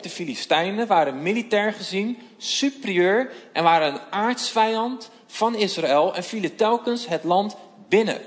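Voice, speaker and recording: Earnest preacher guy, kinda high voice, big echoey church. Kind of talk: sermon.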